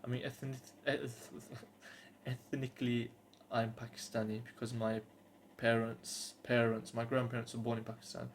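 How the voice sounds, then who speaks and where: A British vlogger in his twenties has a mid-range voice with little pitch movement, speaking at normal speed with hardly any pauses. His casual, earnest talk to camera is still hesitant and rambling, and faint background noise sits under it.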